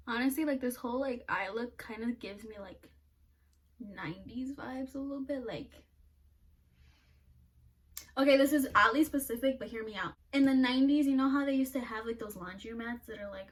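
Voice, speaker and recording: Speaking a little fast in a slightly high voice, a young woman hosts a laid-back makeup vlog. She's blunt, pokes fun at herself, swears often and laughs at her own expense, all picked up by a somewhat distant mic with faint background noise.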